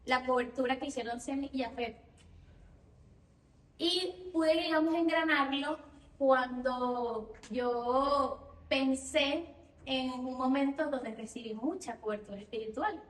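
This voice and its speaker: High-voiced Venezuelan woman, echoey church. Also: takes it slowly. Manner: earnest, repeats phrases, frequent fillers. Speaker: church speaker. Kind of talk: personal testimony sermon. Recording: echoey room heard from a distance.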